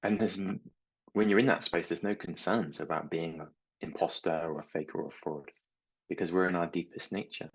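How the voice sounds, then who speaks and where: A middle-aged man and mindset coach talking slowly and reflectively, telling small stories about his children. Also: deep voice, fairly even intonation, husky, dull audio. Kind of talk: reflective talk to camera.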